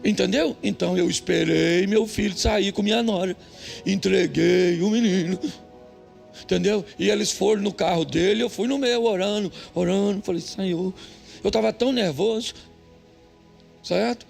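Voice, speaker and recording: An older male pastor with a Brazilian Portuguese accent, preaching a humorous sermon with jokey, emphatic storytelling and sudden high outbursts. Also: normal speed, gravelly, a little mellow. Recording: faint music behind.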